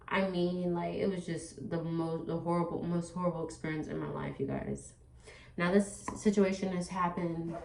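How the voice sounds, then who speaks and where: A makeup vlogger with a somewhat low, slightly mellow voice chats casually with her viewers as she does her makeup, calling them "you guys" and rambling with plenty of "like" and "you know." The room is echoey and she's speaking away from the mic.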